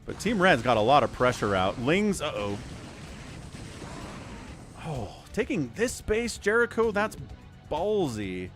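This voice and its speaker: A man's voice: fairly high pitch, big pitch swings, takes it slowly, long pauses, over music. A man giving casual, wry livestream commentary on a strategy game, with chatty asides.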